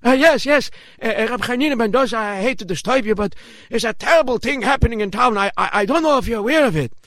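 A man's voice: very high voice, lively intonation, fast, fairly bright tone, dry recording, clean studio sound. A man playing a fretful old townsman who stammers and hurries, in a children's story. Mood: anxious. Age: older. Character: fretful old townsman seeking the rabbi's help.

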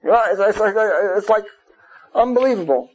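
A man's voice: sits high, animated, moderate pace. A man giving an emphatic religious lecture, repeating phrases, asking rhetorical questions and peppering his English with Yiddish and Hebrew terms. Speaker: religious teacher. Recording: dull lo-fi radio-like sound.

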